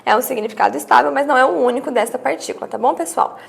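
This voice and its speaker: A woman's voice: high-pitched, rapid-fire, vocal fry. A woman teaching a grammar lesson, explaining step by step with rhetorical questions and acting out her students' questions.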